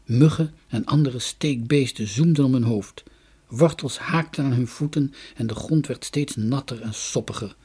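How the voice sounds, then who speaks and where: A man reading a children's story aloud in an expressive, dramatic way. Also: medium pitch, normal speed, husky. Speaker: narrator.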